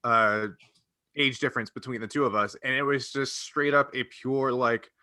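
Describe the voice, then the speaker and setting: A man's voice: medium pitch, steady tone, moderate pace, bright, forceful tone, no room sound. A man chatting casually as a podcast co-host, reminiscing in a rambling, hesitant way that often doubles back on itself. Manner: rambling, hesitant, self-interrupting. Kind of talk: casual chat, personal reminiscing.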